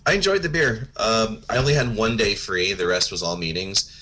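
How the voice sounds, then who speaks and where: A man's voice: lowish voice, normal speed, sharp tone, slight background noise, rough recording. A young man co-hosting a podcast, chatting casually about travel, laid-back, swearing and laughing often. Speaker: podcast co-host. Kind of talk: casual chat.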